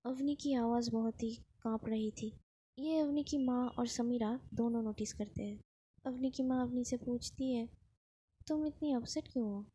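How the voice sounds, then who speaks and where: A woman's voice: fairly high pitch, fairly even intonation, normal speed, dark tone, husky. A woman narrating a romance story in a casual, chatty way, mixing in many English words.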